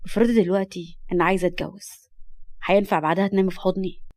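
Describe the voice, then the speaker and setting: A woman voicing a firm, protective young man in a lowered voice, with an Egyptian accent. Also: fairly even intonation, very fast, close to an everyday voice. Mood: stern tender. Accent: Egyptian Arabic.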